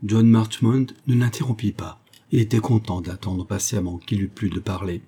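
A man narrating an audiobook of a classic novel in a measured, even reading. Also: fairly low pitch, slightly rough. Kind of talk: scripted literary narration.

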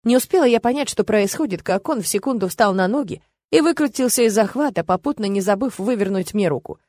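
Woman reading a fantasy audiobook, expressive, dry close mic. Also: mid-range voice, quick pace, dry recording. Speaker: audiobook narrator. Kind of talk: first-person fantasy audiobook narration.

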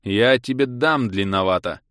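A man voicing a brash, hot-tempered young father who talks loudly and excitedly. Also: mid-range voice, brisk, no room sound, clean studio sound, pitched above the performer's own voice. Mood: blustering. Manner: loud, blustering, excited.

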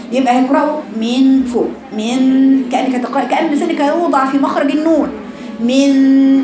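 A woman with an Egyptian accent who teaches Quran recitation. She corrects her students and shows each sound by repeating it slowly. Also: high-pitched, darkish tone. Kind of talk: tajweed lesson correcting students. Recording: echoey room with noise.

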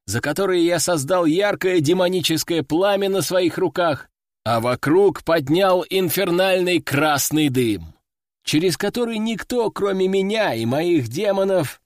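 Lively male audiobook narrator. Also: on the high side, no room sound, studio quality. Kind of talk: first-person fiction narration.

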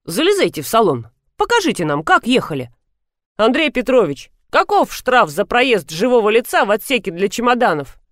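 A woman voicing a jumpy young male traffic cop who takes bribes, with excitable, shrill accusing outbursts, in a storybook reading. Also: moderate pace, no echo, studio quality. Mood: gleeful.

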